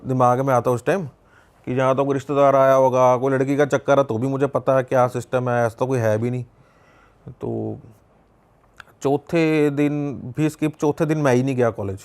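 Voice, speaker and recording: A man's voice: medium pitch, fairly even intonation, moderate pace, a little mellow. A young man with a Punjabi accent, telling a personal story as a podcast guest in a casual, conversational way, acting out his own and others' dialogue with many repeats and fillers.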